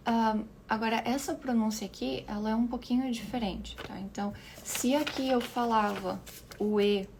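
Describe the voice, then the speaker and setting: A woman English teacher giving an online lesson, explaining patiently, repeating words slowly for pronunciation and often checking in with her listeners. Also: fairly high pitch, darkish tone, a little hiss or hum.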